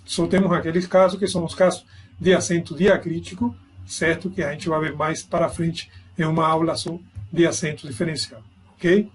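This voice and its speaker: A man's voice: on the high side, flat delivery, moderate pace, slight background noise. A man giving an online grammar lesson, explaining step by step and checking in with his students. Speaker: Spanish teacher.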